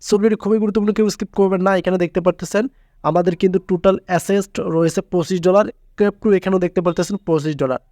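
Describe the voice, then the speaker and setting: A man with a notably high voice leads a screen-recorded app tutorial in an insistent, repetitive way. The recording is close and dry, with no room sound behind him. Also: fairly even intonation, racing, warm tone, dry recording. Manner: insistent, repeats filler words for emphasis. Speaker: tutorial channel host.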